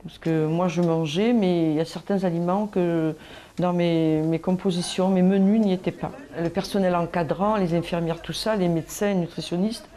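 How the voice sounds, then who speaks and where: A woman from France giving a reflective documentary interview about joining hospital nutrition workshops, pausing often with fillers. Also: lowish voice, warm tone. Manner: hesitant, reflective, many fillers.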